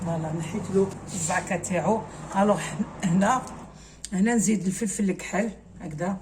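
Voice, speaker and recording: A woman's voice: lowish voice, brisk, background noise. Algerian woman demonstrating a recipe. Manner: casual, mixes in French words. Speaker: cooking channel host. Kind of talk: step-by-step cooking demonstration.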